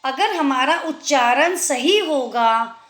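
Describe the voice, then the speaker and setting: Indian-accented woman teacher, unhurried, drawing out example words, clear bright tone. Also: sits high, animated, roomy sound. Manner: slow, drawn-out pronunciation of example words. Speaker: Hindi teacher. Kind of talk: children's language lesson.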